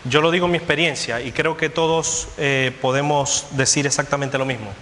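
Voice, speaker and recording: A man's voice: medium pitch, steady tone, moderate pace, sharp tone, in a large hall, slight background noise. A man preaching a sermon as pastor, driving his points home with an emphatic, repetitive cadence. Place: church hall.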